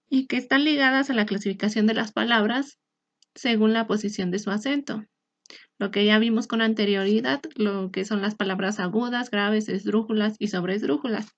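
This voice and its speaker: A woman teacher explaining a lesson in a clear, measured way, sometimes restarting a phrase. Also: fairly high pitch, no echo. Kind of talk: recorded online lesson. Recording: dry, slightly muffled recording.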